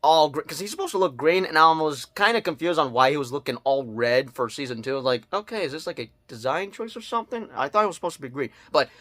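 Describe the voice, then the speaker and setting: Excitable young man, bright and lively. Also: fairly high pitch, fast talker, few pauses. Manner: excitable, rambling, bursts into yelling. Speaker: reviewer. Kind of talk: casual video review.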